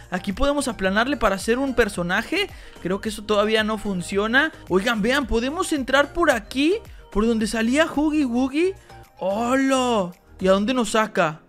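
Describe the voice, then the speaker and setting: A woman giving excitable let's-play commentary as a gaming YouTuber, talking straight to her viewers. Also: sits high.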